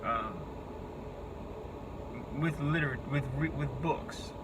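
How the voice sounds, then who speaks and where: A young man in his twenties speaks in a thin, squeaky voice, thinking aloud in an unscripted monologue. He is halting and rambling, often searching for the next word. There is clear background noise throughout the recording. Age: 20s.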